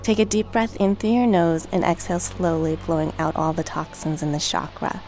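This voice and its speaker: A woman narrating a guided meditation in a calm, gentle, measured and soothing way. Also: on the low side. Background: relaxation track with music, dolphin and water sounds.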